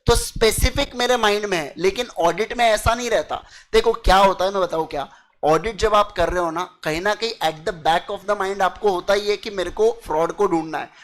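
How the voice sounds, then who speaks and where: A man's voice: sits high, normal speed, low-quality recording. A young man giving a chatty lecture to students. He mixes in English terms and keeps checking that they understand. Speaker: teacher. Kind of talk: casual classroom lecture.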